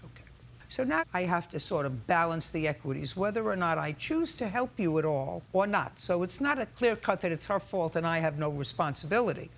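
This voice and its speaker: A woman's voice: lowish voice, vocal fry. A woman speaking as a TV judge, stern and blunt, questioning and ruling from the bench and cutting people off. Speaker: TV court judge.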